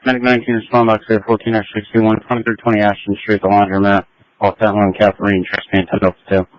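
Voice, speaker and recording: A man's voice: on the low side, level tone, fast talker, muffled recording, slight background noise. A man reading out fire dispatch announcements over a two-way radio.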